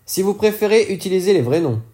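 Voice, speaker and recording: A man's voice: high voice, expressive, fast, mellow, voice pushed up. A man voicing a wily old male dealer who asks probing, insinuating questions. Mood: sly.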